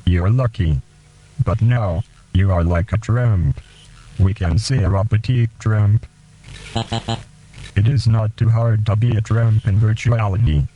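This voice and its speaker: Slow low-voiced man. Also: fairly even intonation, warm tone, dull audio, faint music behind. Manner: slow, deliberate, halting phrasing. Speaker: radio host. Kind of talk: radio show with poetry reading.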